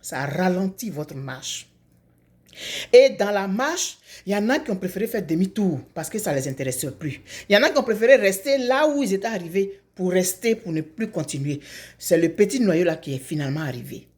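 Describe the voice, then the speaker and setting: A woman voicing a patient, wise old man in a storytelling tale, with measured, reproachful explanation. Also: mid-range voice, sing-song, a little mellow, natural voice.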